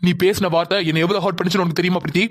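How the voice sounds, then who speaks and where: A man's voice: sits high, little pitch movement, lightly acted. A man voicing Prasanth, a hurt angry young man. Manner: fast, scolding and bitter. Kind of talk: cartoon voice acting.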